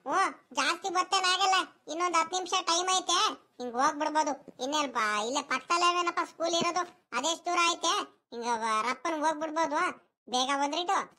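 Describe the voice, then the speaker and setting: A fussing village grandmother from a cartoon, put on by a voice performer, with a very high, squeaky voice. She coaxes and chides in quick rural talk. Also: sharp tone. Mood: coaxing. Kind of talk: animated cartoon voice acting.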